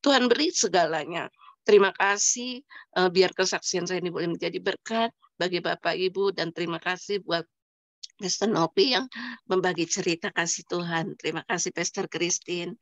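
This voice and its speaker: A woman's voice: fairly low pitch, normal speed, dry recording, highs cut off. Middle-aged lady on a video call giving her testimony, earnest and emphatic, dry close sound. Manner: earnest, emphatic, with swells of feeling. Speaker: church member giving a testimony. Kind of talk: personal faith testimony.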